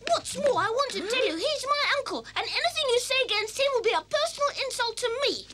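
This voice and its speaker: Squeaky excitable rabbit. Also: female voice, fast, noisy background. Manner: excitable, indignant. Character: excitable young rabbit friend.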